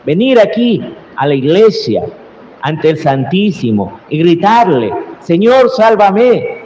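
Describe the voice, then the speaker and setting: Slow-preaching priest in echoing church. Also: male voice, fairly high pitch, a little mellow, a little hiss or hum. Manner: slow, earnest preaching that swells into cried-out prayers. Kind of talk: Sunday homily. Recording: roomy church reverb with faint ambience.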